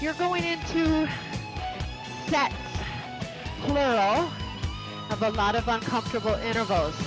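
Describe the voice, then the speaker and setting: A woman's voice: fairly high pitch, measured pace, poor audio. A woman instructing an indoor cycling class, encouraging and commanding as she calls out cues and countdowns. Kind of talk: motivational fitness class coaching. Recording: loud music over the voice. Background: loud pop workout music.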